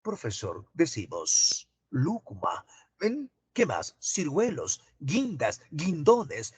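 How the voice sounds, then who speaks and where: A man teaching an online class, asking students drawn-out questions. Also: fairly high pitch, huge pitch swings, husky.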